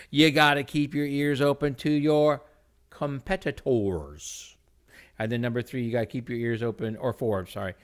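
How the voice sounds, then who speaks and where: A man records a motivational leadership lesson in his kitchen, talking straight into his computer's microphone. His delivery is folksy and emphatic, with punchy, rising exhortations and then quiet, confiding asides. His voice sits at an ordinary middle pitch for a man. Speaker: leadership talk host; music teacher. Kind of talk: motivational book talk. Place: home kitchen.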